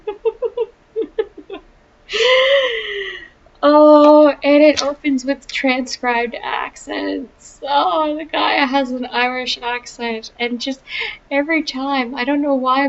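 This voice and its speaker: A woman with a gravelly, fry-tinged voice talks slowly through a casual book review, wry and chatty with plenty of ums. The recording is dull and lo-fi, with a faint hiss behind her. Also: sits high. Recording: dull lo-fi sound with faint noise.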